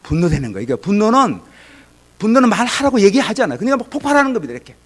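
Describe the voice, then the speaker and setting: A middle-aged man preaching a sermon as pastor, animated and acting out little scenes of angry and gentle parents. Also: high-pitched, rapid-fire.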